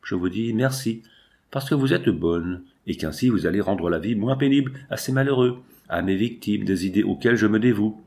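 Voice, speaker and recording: A man voicing a calculating male strike leader in an audiobook, speaking in a measured, cool, persuasive way with a lowish voice. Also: gravelly, darkish tone. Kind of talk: audiobook reading.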